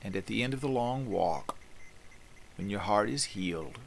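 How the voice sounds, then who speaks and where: A tender, reassuring Jesus speaks quietly and intimately to someone hurting, as a preacher puts him on in his own low voice. The words come soft and close. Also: lively intonation, moderate pace, creaky, slight background noise, rough recording.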